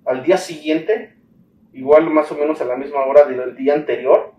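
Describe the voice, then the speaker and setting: A man's voice: on the high side, moderate pace. Mexican man telling his story animatedly. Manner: animated storytelling, acts out the dialogue he recalls. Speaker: interviewee. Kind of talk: personal account in an interview. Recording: roomy echo, distant mic, faint ambience.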